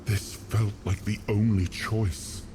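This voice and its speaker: A man's voice: little pitch movement, background noise. An actor playing a weary, guilt-ridden fallen warrior king in a video game, with a grave, solemn, regretful delivery. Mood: pained regret. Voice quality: very low, grave voice. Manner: slow, solemn, regretful monologue. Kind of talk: dramatic video game cutscene monologue.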